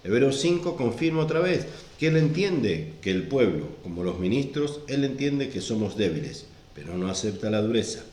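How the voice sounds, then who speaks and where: A man's voice: on the low side, big pitch swings, normal speed, hardly any pauses, darkish tone. Male pastor, sermon delivery, insistent and repetitive, reverberant room. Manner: repeats and stresses verse references.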